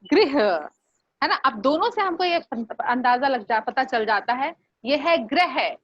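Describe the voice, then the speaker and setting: A woman teacher giving a slow, patient online lesson, asking her students questions. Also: high voice, lively intonation, slight background noise. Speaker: Hindi teacher. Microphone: video call. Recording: muffled online class audio.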